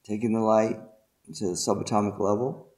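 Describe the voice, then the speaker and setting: A man leading a guided meditation and spiritual invocation in a deliberate, ceremonial manner, in short separated phrases. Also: fairly low pitch, fairly even intonation, mellow.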